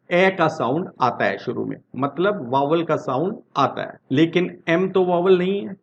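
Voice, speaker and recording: A man teaching English grammar in Hindi. He asks his class questions and answers them himself, and reads the example sentences slowly. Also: a little high, lo-fi sound, slight background noise. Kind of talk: Hindi-language grammar lesson.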